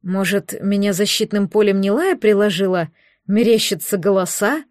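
A woman's voice: medium pitch, normal speed, a little mellow, dry recording, clean studio sound, natural voice. A woman voicing a cautious, skeptical young female student friend. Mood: wary.

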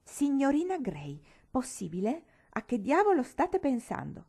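A woman voicing a furious, bullying middle-aged gentleman who shouts harshly in an audiobook. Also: a little high, a little fast, voice pushed up, lightly acted.

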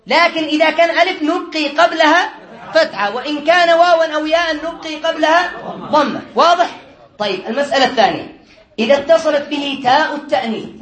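A man's voice: very high voice, a bit bright. A man teaching a grammar lesson to a classroom of students. He quizzes them, repeats examples patiently and often chuckles while explaining. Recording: echoey room.

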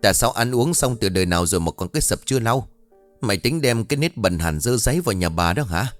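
A man voicing a bossy, spiteful old mother-in-law who shouts and hisses insults at her daughter-in-law. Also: fairly low pitch, big pitch swings, brisk, faint music behind. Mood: scolding. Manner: harsh, shouting, hissing insults.

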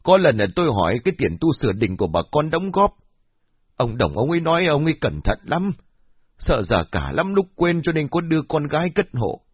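A man voicing a sharp-tongued elderly village woman who accuses and scolds, in a storybook reading. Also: fairly high pitch, very animated, brisk, slightly rough, dry recording, pitched above the performer's own voice. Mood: suspicious. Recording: dull lo-fi.

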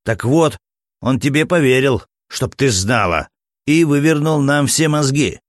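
A man's voice: medium pitch, animated, unhurried, dry recording, studio quality, pitched above the performer's own voice, close to an everyday voice. A man voicing an exasperated grown man doctor.

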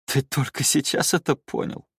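A man's voice: on the low side, expressive, normal speed, vocal fry, no echo, studio quality. A man voicing a young drunken male cultivator, sulky and sardonic, who mumbles and grumbles.

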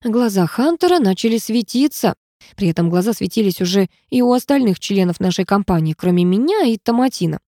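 A woman narrating an audiobook in lively first-person storytelling. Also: mid-range voice, a little fast, no echo, clean studio sound.

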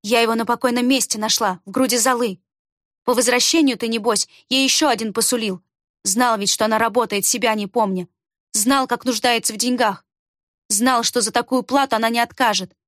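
A woman's voice: on the high side, fairly even intonation, a bit bright, dry recording, clean studio sound, lightly acted. Woman reading an icy young heroine. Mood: cold accusing. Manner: icy, measured. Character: young heroine, cold and accusing.

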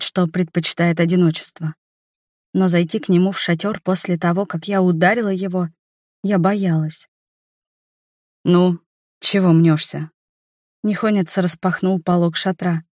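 A woman's voice: on the low side, darkish tone, no room sound, studio quality. A woman reading a novel aloud in first person, telling the story in an intimate, emotional way. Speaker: audiobook narrator.

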